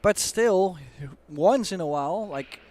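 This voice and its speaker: A man giving expert analysis on a pool match as co-commentator, explaining shots in a measured way with casual fillers. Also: sits high, lively intonation, a little mellow. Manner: explanatory, measured, uses fillers like "you know".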